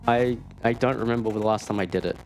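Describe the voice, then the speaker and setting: In a low-quality recording with video game music behind him, a man with a lowish voice comments quickly and casually on his play during a streamed gaming marathon. He drops wry asides and breaks off his sentences.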